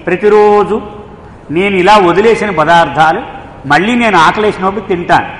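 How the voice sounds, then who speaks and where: A man's voice: high-pitched, moderate pace, a bit bright, slight background noise. A man voicing a stern older spiritual master who gives commands and scolds, in an echoey hall with a long reverb. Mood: commanding.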